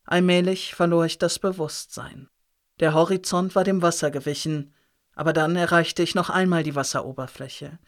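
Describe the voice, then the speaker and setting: A man reading a first-person novel aloud in an expressive, dramatic narration style. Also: a little high. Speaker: audiobook reader.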